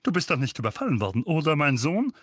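A man's voice: on the high side, sing-song, fast, dry recording, studio quality, pitched above the performer's own voice. A man reading an audiobook and voicing a bad-tempered, bullying uncle who growls and barks. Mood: blustering. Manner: barking, growling, blustering. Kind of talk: audiobook character voice.

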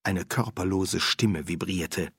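A man reading an audiobook aloud in a lively storytelling manner. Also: deep voice, takes it slowly, slightly rough, no room sound, clean studio sound. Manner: lively storytelling, doing character voices. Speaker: audiobook reader. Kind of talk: scripted narration.

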